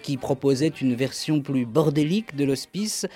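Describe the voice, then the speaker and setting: A man's voice: medium pitch, lively intonation, moderate pace, warm tone, slightly rough, faint music behind. A man hosting a radio show, delivering scripted comic narration in a wry, mock-solemn way. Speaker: radio host. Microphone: studio microphone.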